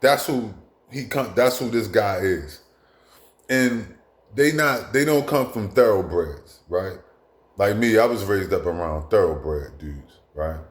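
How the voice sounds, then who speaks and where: Low-voiced guy ranting casually, blunt and profane, roomy echo. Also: expressive, slow. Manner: blunt, profane, repetitive with many asides and restarts. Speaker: commentator. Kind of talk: casual monologue.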